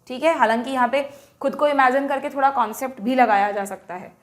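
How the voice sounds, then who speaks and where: A woman with an Indian accent and a bright, high voice teaches an exam paper walkthrough. She talks briskly and keeps turning to her students with quick checking questions. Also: steady tone. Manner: brisk, explains and quizzes students.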